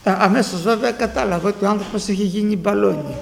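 Male preacher, high raspy fry, storytelling sermon delivery. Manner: storytelling with quoted exchanges, swinging from hushed to loud.

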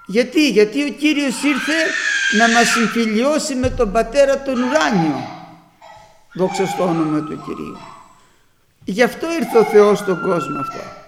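High-voiced man preaching in an echoing hall. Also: noisy background. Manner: storytelling, rising to shouts for emphasis. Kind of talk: sermon.

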